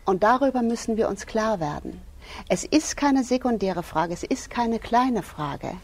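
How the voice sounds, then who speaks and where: Husky woman speaking earnestly. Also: a little high, expressive, a little slow, darkish tone. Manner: emphatic, retells scripture with quoted voices, frequent "ja?". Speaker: interviewee. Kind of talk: earnest religious discussion.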